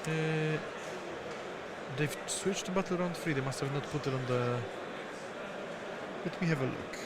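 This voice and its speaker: A man's voice: fairly high pitch, measured pace, heavy background noise. A man co-commentating a tabletop game on a livestream, casually reading out game details through headset audio. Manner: casual, reads out game info.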